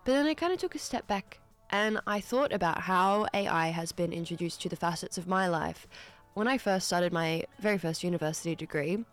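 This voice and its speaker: Speaking briskly in a lowish voice, this young Newcastle radio host in her twenties fills the gaps between songs with upbeat, casual chat, peppered with ums and side remarks. She's on a studio microphone in the studio, and faint music plays behind her.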